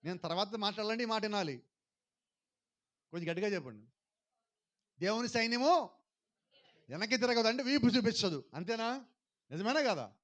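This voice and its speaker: A male pastor preaching a sermon, mixing in English phrases and urging the congregation to respond louder. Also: sits high, lively intonation, normal speed, pauses often.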